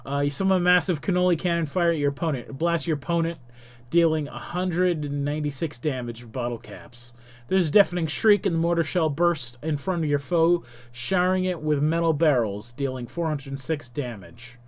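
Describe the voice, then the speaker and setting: Slightly high-voiced man reading game text. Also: a little fast. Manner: casual, chuckling asides between read-out lines. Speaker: game streamer host. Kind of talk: reading game text aloud while playing.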